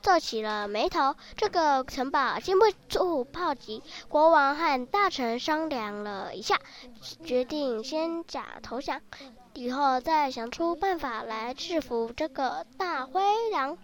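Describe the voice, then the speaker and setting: A woman narrating a children's storybook with lively, expressive delivery. Her voice is high and clear. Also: measured pace.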